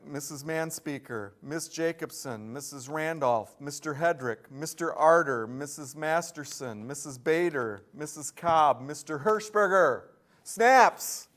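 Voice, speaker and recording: Upbeat man reading school announcements. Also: a little high. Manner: upbeat, rattles off long lists of names, bursts of excitement. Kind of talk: live school morning announcements.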